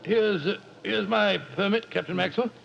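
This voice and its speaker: An actor playing an eager, polite British doctor in an old-time radio drama, slightly fussy and flustered, with a creaky voice. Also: male voice, high voice, moderate pace, a bit bright, slight background noise, full character voice. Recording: dull old radio broadcast recording.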